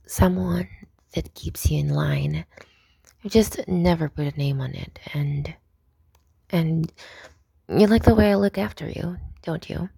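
A young woman whispering close to the mic in an intimate roleplay, soft, coaxing and dominant. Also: low voice, vocal fry, breathy edge, dry recording. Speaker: audio roleplay performer.

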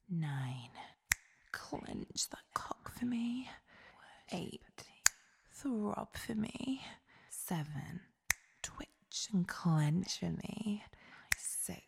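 Woman playing a slow, whispering, seductive goddess. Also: deep voice, exaggerated voice. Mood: commanding. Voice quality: breathy, creaky whisper. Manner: breathy, commanding goddess voice, slow and sensual. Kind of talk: whispered role-play.

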